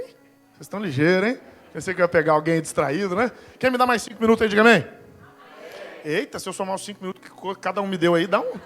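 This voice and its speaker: A man in his forties preaching a lively, humorous sermon as pastor, acting out Bible scenes in voices. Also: sits high. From Brazil. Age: 40s. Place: church.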